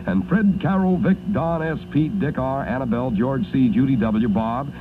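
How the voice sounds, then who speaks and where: A man's voice: mid-range voice, normal speed. Tinny vintage radio DJ, American man. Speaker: radio disc jockey. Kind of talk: 1950s radio DJ reading listener dedications. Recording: noisy, tinny vintage radio broadcast recording.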